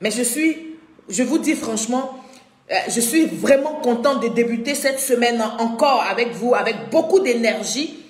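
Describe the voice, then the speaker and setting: A woman's voice: fairly high pitch, expressive, unhurried. A woman hosting a live stream, chatting effusively with viewers and breaking into chanted refrains. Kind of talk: casual live-stream chat greeting viewers. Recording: roomy echo with faint music behind.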